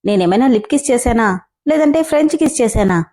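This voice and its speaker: A woman's voice: a little high, expressive, dark tone. Woman doing a clingy girlish young woman. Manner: pleading, girlish, quick.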